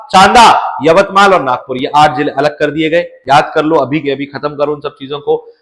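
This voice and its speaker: A man's voice: fairly high pitch, fairly bright tone, rough recording. A man lecturing a class, chatty and repetitive, drilling lists and asking the students questions. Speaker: teacher.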